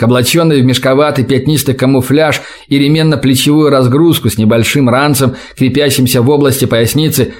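Male narrator, steady measured storytelling, mid-pitched. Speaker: audiobook narrator. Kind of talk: scripted narration.

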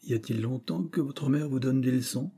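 A kindly, thoughtful gentleman speaks gently, half in earnest, as a male narrator plays him. The voice is mellow and slightly husky, like a storybook reading. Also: mid-range voice, moderate pace.

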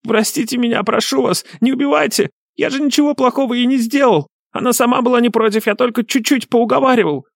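A man voicing a cowardly male captive who begs in a high, bleating whine. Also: fast, gravelly, few pauses, no room sound, clean studio sound, heavily acted. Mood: begging.

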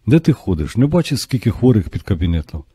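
A man voicing a grumpy, sarcastic male village doctor in an audiobook, speaking gruffly. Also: on the low side, big pitch swings, fast, dark tone, dry recording, heavily acted.

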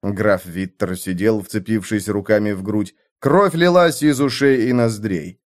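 A man narrating a violent fantasy audiobook with intense, theatrical delivery, mid-pitched. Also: a little slow.

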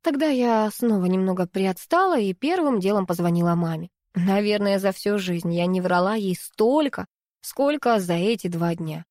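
A young woman reading a first-person story aloud in a lively, expressive way. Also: medium pitch, moderate pace, no room sound, clean studio sound. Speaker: audiobook narrator.

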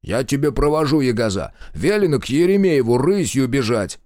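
A man voicing an exasperated, gruff partisan commander who scolds loudly, in an audiobook reading. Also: fairly low pitch, huge pitch swings, moderate pace, dry recording, clean studio sound. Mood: scolding. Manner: scolding, loud, raised.

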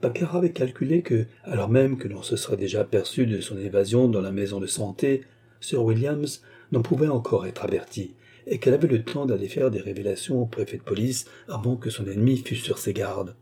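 Brief: man narrating an audiobook, measured, deep mellow husky timbre. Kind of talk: scripted narration of a classic novel.

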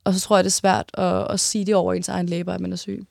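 Young woman, interviewee, vocal fry, halting speech with restarts, dry close sound. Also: on the low side, flat delivery, a little mellow, no echo. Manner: halting, with many restarts and pauses. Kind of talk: personal storytelling in an interview.

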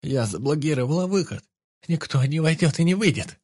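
A man's voice: on the high side, animated, fairly quick, darkish tone, breathy edge, dry recording, studio quality, pitched above the performer's own voice. A man voicing a frightened but stubborn female scientist held hostage, with a strained, nasal voice. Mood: pleading defiant.

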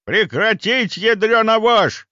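A man voicing a gruff, boastful old grandfather who bellows, in an audiobook. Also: high-pitched, lively intonation, measured pace, no echo, highs cut off, voice pushed up. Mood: bellowing. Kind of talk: audiobook character voice.

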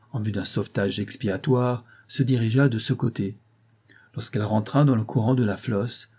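A man reading a classic novella aloud in a measured, dramatic storytelling manner. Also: on the low side, mellow, slightly rough. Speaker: narrator.

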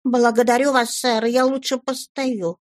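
A woman's voice: a little high, little pitch movement, a little slow, voice pushed up, close to an everyday voice. A woman voicing a timid, humble young man who pleads earnestly and keeps saying sir.

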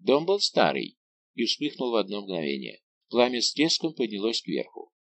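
A man's voice: on the low side, normal speed, vocal fry. A man narrating an adventure novel as an audiobook, telling it in a dramatic, vivid way. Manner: expressive, vivid storytelling.

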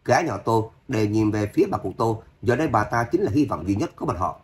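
A man narrating an audio novel in a steady, dramatic storytelling manner. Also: fairly low pitch, quick pace, a little hiss or hum.

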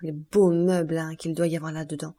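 A woman's voice: low voice, level tone, fairly quick, mellow. A woman reading aloud, voicing a greedy, scheming older male innkeeper who talks in an eager, wheedling way. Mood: envious.

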